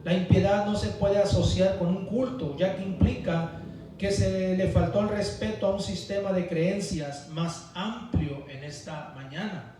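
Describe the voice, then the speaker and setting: A man's voice: high-pitched, fairly even intonation, unhurried, dark tone, slight background noise. A man preaching a Sunday school sermon, emphatic and calling the congregation for amens. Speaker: pastor. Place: church hall. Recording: echoey church hall, mic far off.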